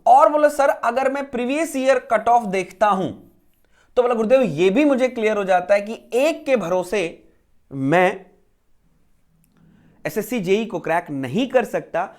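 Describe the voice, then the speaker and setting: A man's voice: sits high, lively intonation, unhurried, long pauses. A man teaching an exam preparation lecture, asking himself rhetorical questions and repeating key phrases to drive each point home.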